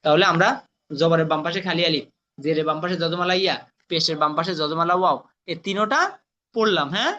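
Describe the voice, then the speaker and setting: Guy teaching quran reading, slow drawn-out syllables, kinda high voice, muffled lo-fi audio. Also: sharp tone. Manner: slow drawn-out syllables, frequent checking "right?". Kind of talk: spelling-out recitation lesson. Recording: muffled lo-fi sound.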